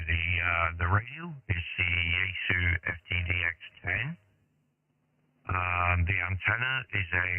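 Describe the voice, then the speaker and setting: A man's voice: deep voice, dry recording. A man, an amateur radio operator, gives his details in a friendly, easygoing way, heard over a narrow shortwave radio signal. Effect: narrow shortwave radio sound. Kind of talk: on-air radio contact.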